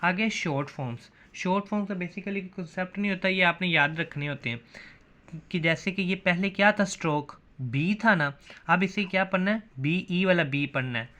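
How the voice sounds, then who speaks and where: A man's voice: sits high, normal speed, pushed and bright. A man teaching a shorthand lesson, who keeps asking questions and answering them himself. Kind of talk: classroom lesson.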